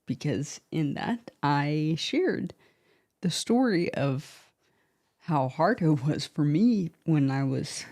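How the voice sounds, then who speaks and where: A woman's voice: deep voice, expressive, takes it slowly, mellow. A young woman chatting casually to her viewers, rambling between thoughts and laughing often. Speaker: vlogger.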